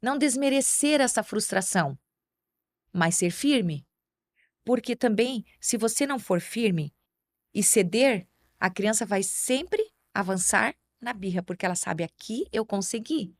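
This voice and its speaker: A woman's voice: medium pitch, unhurried, no echo. Woman on a podcast, patient, explains things step by step, dry close sound. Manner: calm, explains step by step and acts out gentle words to a child. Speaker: guest educator. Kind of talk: advice talk on a podcast.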